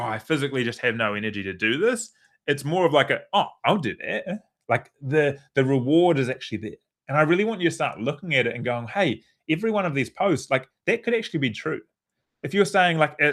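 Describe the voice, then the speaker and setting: A man coaching a live online workshop while seated at his desk. He speaks in a relaxed, conversational way and slips into quoted inner voices as he explains. His pitch sits in an ordinary middle range. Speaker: performance coach.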